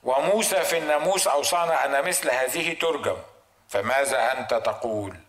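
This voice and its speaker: A man's voice: mid-range voice, a little fast, a bit bright, echoey room. A man with an Egyptian Arabic accent preaching a sermon, acting out dilemmas with rhetorical questions.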